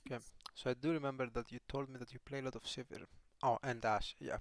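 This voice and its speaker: A man from Greece, coaching a player in a friendly, unhurried way with pauses and fillers. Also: medium pitch, level tone, a little hiss or hum. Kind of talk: casual coaching chat.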